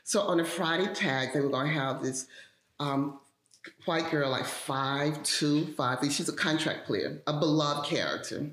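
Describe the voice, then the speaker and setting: A woman's voice: deep voice, a little slow, echoey room, a little hiss or hum. A woman, a television writer, telling a story in an interview and acting out the voices she quotes. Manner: animated, acts out quoted voices.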